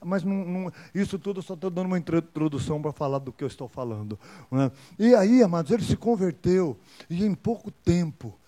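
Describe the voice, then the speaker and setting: A man preaching a sermon, telling a testimony with emphasis, swinging from soft to loud. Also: sits high, animated, a little fast.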